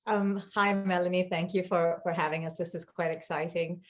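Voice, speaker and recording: A woman from Singapore speaks as a podcast guest in a somewhat low voice. She sounds warm and enthusiastic, easing in with soft fillers. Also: fairly even intonation, normal speed. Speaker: board member, guest. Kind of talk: casual interview chat.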